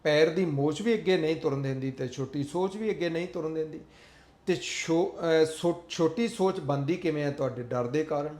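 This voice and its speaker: Man, motivational speaker; earnest, repetitive delivery, slightly raised pitch, roomy echo. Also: normal speed, darkish tone. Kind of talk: motivational talk.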